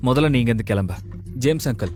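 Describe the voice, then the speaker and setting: An actor playing a stern young heir who gives curt commands in a dubbed drama. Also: male voice, mid-range voice, animated, fast talker, a little mellow, soft background music, natural voice.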